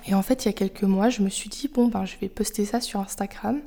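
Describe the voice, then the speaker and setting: Speaking in a steady tone over slight background noise, a young woman whose first language is French hosts a personal podcast. She thinks aloud softly and confidingly, sometimes nearly whispering, her warm, mellow voice at a middle pitch, reflective and unhurried as she shares her own thoughts.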